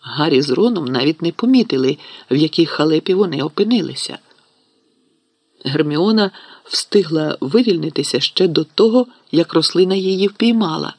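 A man narrating a fantasy audiobook in a steady storytelling manner. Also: fairly high pitch, normal speed, dry recording. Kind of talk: scripted narration.

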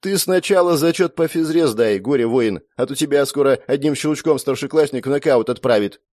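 A man voicing a sharp-tongued young woman who scorns her younger brother, sarcastic and quick to threaten. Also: medium pitch, no room sound, studio quality, pitched above the performer's own voice, lightly acted. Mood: mocking.

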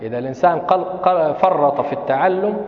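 Libyan sheikh lecturing in echoey hall. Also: male voice, a little high, fast. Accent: Libyan Arabic. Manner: explains carefully, recites examples to show errors. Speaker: sheikh teaching Islamic law. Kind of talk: classroom lecture. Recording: echoey hall, dull lo-fi sound.

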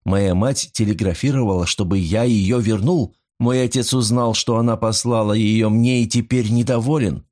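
An earnest, good-natured young gentleman, as a male reader voices him, polite and sincere. His voice sits a bit low. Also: steady tone, moderate pace, hardly any pauses, lightly acted.

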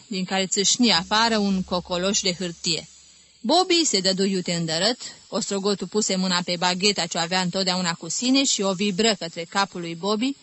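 Woman audiobook narrator, expressive storyteller, crisp forward tone, dry booth sound. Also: medium pitch, no echo. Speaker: audiobook reader.

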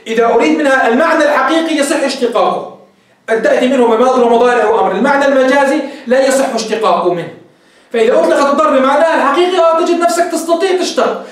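A man teaching a class on Islamic legal theory, explaining step by step and asking rhetorical questions he answers himself. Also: very high voice. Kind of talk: classroom lecture. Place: classroom with a whiteboard. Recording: echoey room, mic far off.

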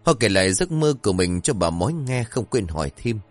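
Man, horror storyteller, low voice, lively pitch, suspenseful, faint music bed. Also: a little fast. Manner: dramatic, suspenseful, expressive. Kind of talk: scripted horror narration.

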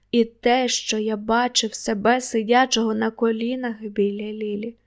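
A woman narrates a first-person audiobook in a steady, level storytelling voice. Her tone sits a little high, with noticeable vocal fry at the ends of lines. Her intonation barely rises or falls.

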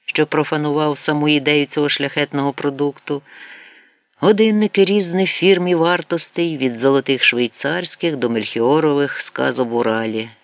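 A man narrating a novel as an audiobook in a measured, wry manner. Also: mid-range voice, creaky, fairly bright tone, no room sound. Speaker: audiobook reader. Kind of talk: scripted narration.

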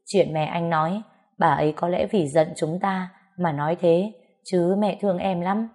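A woman voicing an anxious young husband who softly begs his wife. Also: high-pitched, fairly even intonation, normal speed. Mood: pleading. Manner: begging, soft and pleading.

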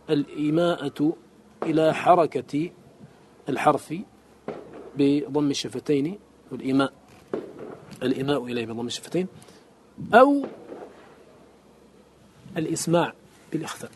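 A man teaching Quran recitation rules in a classical Arabic lesson. He reads verses of a poem aloud, explains them line by line, asks his students questions, and chants the Quranic examples slowly. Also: fairly high pitch, a little mellow, a little hiss or hum.

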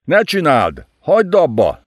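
A man's voice: on the high side, lively intonation, no echo, studio quality, pitched above the performer's own voice, close to an everyday voice. A man voicing an anguished warrior servant who speaks bitterly and urgently, his voice raised and pleading. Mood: shouting.

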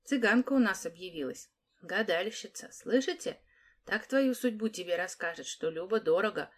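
A woman voicing a sly, bossy teenage girl in an orphanage, talking in quick, mocking patter for an audiobook. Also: medium pitch, animated, natural voice. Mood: coaxing.

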